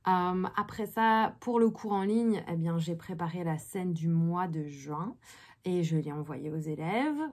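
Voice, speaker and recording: A woman's voice: lowish voice, a little slow, darkish tone. A woman in her thirties from Belgium, an actress chatting casually about her day in a vlog, with many fillers. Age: 30s. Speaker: actress vlogger.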